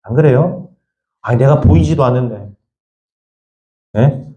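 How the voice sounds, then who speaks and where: A male pastor preaching a sermon, firing rhetorical questions at the congregation and swinging between raised high lines and quiet low asides. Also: measured pace, dull audio. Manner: emphatic, fires repeated rhetorical questions at the congregation. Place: church sanctuary. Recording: echoey church room.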